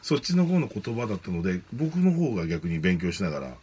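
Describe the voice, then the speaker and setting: Fast, lively man, low voice, hesitant. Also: breathy edge. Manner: soft-spoken, hesitant with fillers. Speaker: film director guest. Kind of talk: casual radio interview. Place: radio studio.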